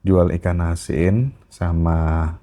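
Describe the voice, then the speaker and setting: A man's voice: sits low, fairly even intonation, slow pace, warm tone. A man hosting a casual interview, asking reflective questions in long, winding sentences. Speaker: interviewer host.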